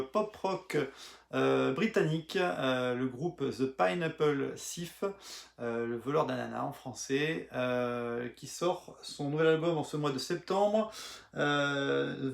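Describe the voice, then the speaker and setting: A man talking casually about an album as a music blogger, pausing often with filler sounds and restarting his sentences. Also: medium pitch, creaky. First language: French. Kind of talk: casual spoken album review. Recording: echoey room.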